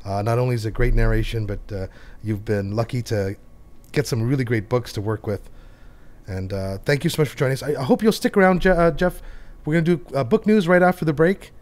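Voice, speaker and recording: A man's voice: mid-range voice, darkish tone. Upbeat joking podcast host, a man. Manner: upbeat, jokey, quick to laugh. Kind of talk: podcast hosting.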